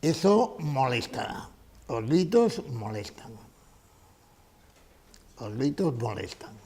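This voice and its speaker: A man's voice: mid-range voice, sing-song, takes it slowly, darkish tone, breathy edge. A man giving a conference lecture, emphatic, repeating his key phrases and asking rhetorical questions.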